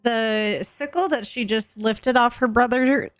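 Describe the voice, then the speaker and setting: Female player, slow delivery, higher pitch, dry sound. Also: no room sound, soft background music. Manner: casual, swears. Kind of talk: casual tabletop play.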